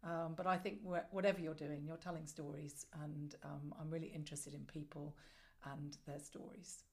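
A middle-aged woman answering interview questions conversationally as a guest, reflective and measured, with emphatic phrasing. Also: sits low, flat delivery, darkish tone. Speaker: podcast guest, storyteller and former broadcast journalist.

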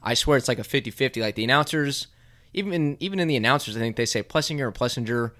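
A man's voice: mid-range voice, expressive, very fast, bright, forceful tone. A man co-hosting a podcast, chatting casually and laughing at himself. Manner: chatty, self-deprecating, laughs easily. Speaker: podcast co-host. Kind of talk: casual chat about motocross.

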